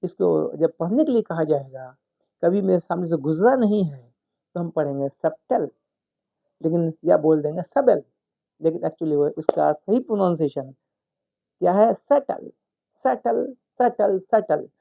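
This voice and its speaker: A man teaches spoken English in a relaxed, explanatory way. His voice is rough and gravelly, with a deep, mellow darkness. He repeats each word several times and spells it out letter by letter. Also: a little slow. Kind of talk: explanatory lesson.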